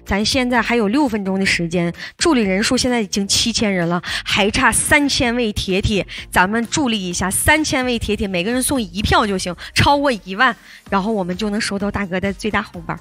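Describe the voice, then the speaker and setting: A young woman hosting a livestream, coaxing viewers to send gifts in a lively way with frequent laughter. Her voice is slightly hoarse. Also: medium pitch. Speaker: livestream host. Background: loud backing music.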